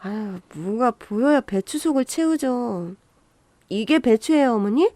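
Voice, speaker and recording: High-voiced woman narrating a story calmly. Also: measured pace, dry recording. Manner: calm, composed, politely cutting.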